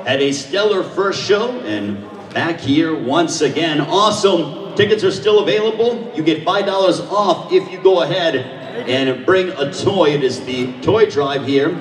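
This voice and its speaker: High-voiced male boxing announcer in echoing hall. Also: a little hiss or hum. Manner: showman delivery with drawn-out fighter names. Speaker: boxing weigh-in ring announcer. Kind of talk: live sports announcing. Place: large echoing event hall. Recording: echoey hall PA, distant from mic.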